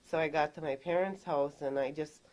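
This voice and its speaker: Deposition witness: middle-aged woman, deep for her sex, halting plain retelling. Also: steady tone, darkish tone. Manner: plain, halting recounting with many "and I says". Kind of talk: recorded legal deposition testimony.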